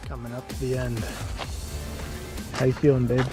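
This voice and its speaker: A man's voice: mid-range voice, little pitch movement, normal speed, over music. A man giving brief, offhand replies to his wife behind the camera. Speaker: vlogger's husband.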